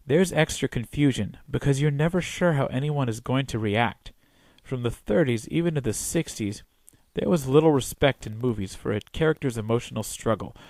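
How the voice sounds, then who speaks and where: A man with a mid-pitched voice reads a scripted film review. His delivery is wry and opinionated, and the sound is very dry and close, with no room echo. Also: darkish tone.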